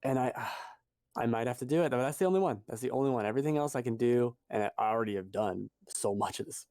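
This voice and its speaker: A man's voice: mid-range voice, fast, a little mellow, dry recording, studio quality. A man co-hosting a podcast in casual chat, rambling and correcting himself as he goes. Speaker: podcast co-host.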